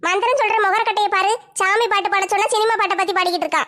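A woman acting in a village comedy sketch with a shrill, scolding manner. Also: fairly even intonation, rapid-fire, fairly bright tone. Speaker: comic sketch performer.

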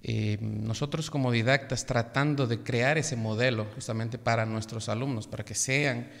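Teacher guy on radio, kinda gravelly, slow professorial explaining, echo trailing off. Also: medium pitch, steady tone, a bit bright. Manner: measured, professorial, many hesitations. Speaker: language teacher, guest. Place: radio studio. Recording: gravelly voice with long reverb.

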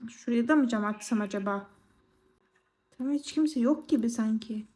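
A young woman chatting casually to viewers while playing a game, excitable and quick to exclaim. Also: a little high. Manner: excitable, exclaims and squeals often. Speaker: gaming vlogger. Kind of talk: casual gameplay commentary.

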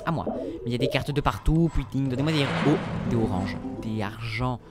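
A man's voice: medium pitch, animated, brisk. Exasperated young man commentating gameplay. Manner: exasperated, theatrical complaining with frequent swearing. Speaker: gamer commentating his play. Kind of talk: let's play commentary. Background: game music.

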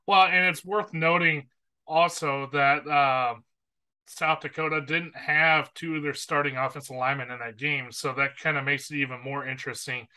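A man co-hosting a sports podcast with a slightly high, very sharp and bright voice. He talks casually but earnestly, backing his opinions with stats. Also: fairly even intonation, normal speed, clear, resonant tone, low-quality recording.

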